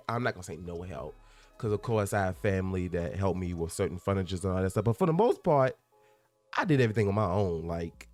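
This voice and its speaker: A man's voice: fairly low pitch, a little mellow. A man in his twenties hosting a casual solo podcast from a room at home, talking earnestly and rambling, often restarting and repeating himself for emphasis. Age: 20s. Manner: earnest and candid, with bursts of laughter. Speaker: podcast host. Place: room at home among packed boxes.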